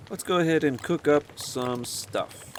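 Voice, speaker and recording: A man's voice: fairly high pitch, measured pace, a little hiss or hum. A man hosting a casual let's-play, thinking aloud as he plays and often rambling and correcting himself. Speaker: gaming video host.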